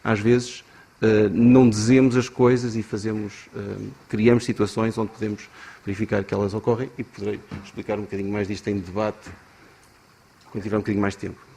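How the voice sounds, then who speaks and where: A man speaking as a conference panelist in a measured, explanatory way. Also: lowish voice, little pitch movement, dark tone, a little hiss or hum. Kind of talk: conference talk.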